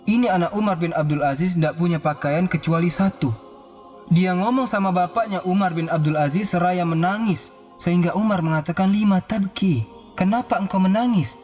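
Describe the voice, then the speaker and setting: A man with a high voice tells a religious story as a sermon, earnest and unhurried on the Arabic phrases. The recording sounds a little dull, with faint music underneath. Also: darkish tone. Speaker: preacher.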